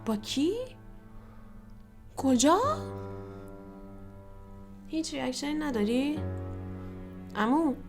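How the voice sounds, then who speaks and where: A woman's voice: high voice, long pauses, music in the background. A woman hosting a comedic film commentary, sarcastic and exasperated, mocking the film's lines.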